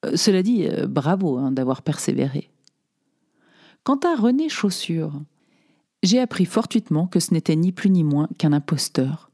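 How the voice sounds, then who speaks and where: A woman reading a first-person literary text aloud in a wry, ironic, deliberate manner. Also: low-pitched, animated, warm tone. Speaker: audiobook narrator. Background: faint music.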